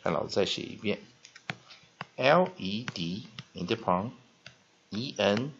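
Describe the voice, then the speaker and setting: A man's voice: lowish voice, expressive, takes it slowly, slight background noise. A man teaches English vocabulary at a whiteboard, explaining step by step, spelling words out and often drawing out a filler "ah". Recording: dull lo-fi recording.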